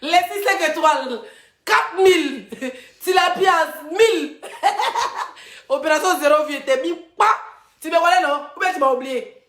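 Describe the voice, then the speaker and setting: Woman, high voice, mocking live-stream host, echoey phone audio. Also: measured pace, a bit bright. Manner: taunting, chanting insults, laughing.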